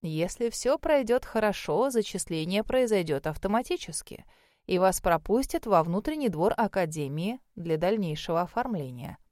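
A woman voicing an elderly male magic academy examiner, speaking slowly in a low, murmuring voice. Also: lively intonation, a little mellow, no echo, studio quality, natural voice. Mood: measured, musing. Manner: slow, low, murmuring delivery.

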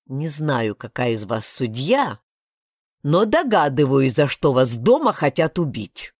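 A woman voicing a gruff male sheriff who grumbles and speaks curtly. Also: low-pitched, wildly swooping pitch, moderate pace, no room sound, clean studio sound. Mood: grumbling. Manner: grumbling, curt.

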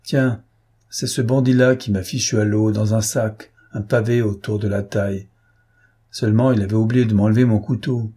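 A man voicing a sly, cocky gentleman thief who teases his captors in an ironic, lively tone, in a read-aloud novel. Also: on the low side, normal speed, husky. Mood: mocking.

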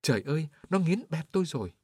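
A man's voice: mid-range voice, sing-song, brisk, no echo, clean studio sound. A man voicing a desperate old man trapped under a cart in an audiobook, crying out in a raised voice. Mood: wailing. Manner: wailing, desperate cries.

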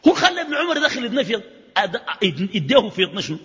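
A man's voice: high-pitched, rapid-fire. A middle-aged man with a Sudanese Arabic accent gives a colloquial religious lecture and keeps firing rhetorical questions at his listeners. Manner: animated, fires rhetorical questions at the audience. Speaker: sheikh giving a religious lecture. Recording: reverberant hall, dull lo-fi sound.

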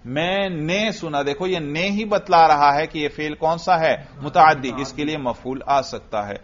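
A man's voice: on the high side, fairly bright tone. A man teaching an Arabic grammar lesson, questioning a student and repeating the answers. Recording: dull lo-fi audio.

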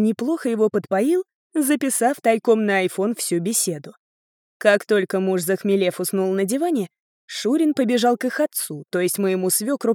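A woman reading a novel aloud in a calm, detached narrating voice. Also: medium pitch, no echo, clean studio sound. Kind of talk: audiobook narration.

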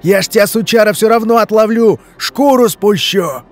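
A man's voice: a little high, lively intonation, unhurried, darkish tone, soft background music, voice pushed up. A man voicing a furious, foul-mouthed male forest monster that snarls curses and threats.

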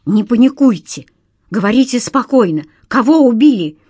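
A woman voices a level-headed male detective in the audiobook, giving short, steady instructions. Her tone stays even and unhurried, close and dry with nothing around it. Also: on the high side, slightly rough, no room sound. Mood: calm. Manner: calm, clipped commands.

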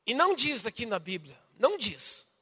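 A man with a Brazilian Portuguese accent preaching a sermon to his congregation, swinging dramatically between loud, emphatic passages and hushed ones. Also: very high-pitched, wildly swooping pitch, normal speed, slightly rough. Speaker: pastor. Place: church hall. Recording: long reverb of a church hall.

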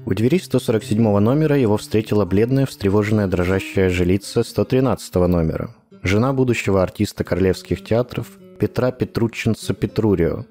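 A man narrating a classic short story as an audiobook reader, in an even storytelling manner. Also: on the low side, fairly quick. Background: faint guitar music.

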